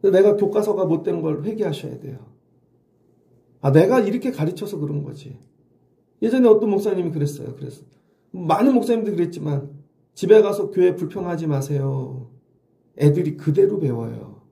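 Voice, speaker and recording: A man's voice: a little high, animated, a little fast, creaky, dark tone, roomy sound. A middle-aged male pastor giving an early-morning sermon in a conversational way, often asking the congregation questions. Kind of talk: dawn sermon.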